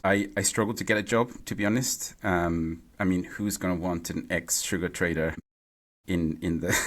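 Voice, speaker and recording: A man from Mexico, a guest in a podcast interview, talking in a halting way and repeating words as he thinks. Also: deep voice, fairly bright tone. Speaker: podcast guest, renewable energy CEO. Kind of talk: casual interview conversation. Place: home or office in London.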